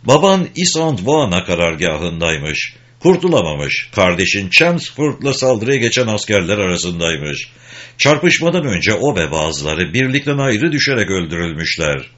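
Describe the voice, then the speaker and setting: A small, wry English soldier speaks bluntly and without sentiment, as a man puts him on in a storybook reading. His voice sits low. The recording is dull and lo-fi. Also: very animated, normal speed, a bit bright. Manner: blunt, matter-of-fact.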